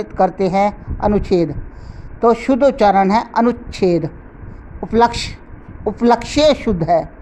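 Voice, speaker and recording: A woman teaching a grammar lesson, who speaks slowly and deliberately and repeats each example word. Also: medium pitch, darkish tone, slight background noise, low-quality recording. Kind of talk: slow explanatory lesson.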